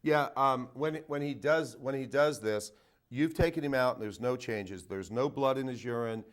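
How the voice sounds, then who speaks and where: A man's voice: medium pitch, moderate pace. A man hosting a call-in show as a veterinarian, giving casual advice with lots of fillers and "okay?" check-ins. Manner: folksy, repeats himself, frequent "okay?" and "uh". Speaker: veterinarian radio host taking calls. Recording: phone-in radio.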